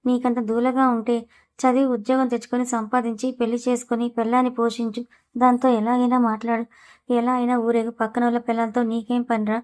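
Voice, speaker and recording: A man's voice: extremely high pitch, level tone, quick pace. A woman reading a storybook voices a young man who bluntly scolds his friend in a lecturing tone. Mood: scolding.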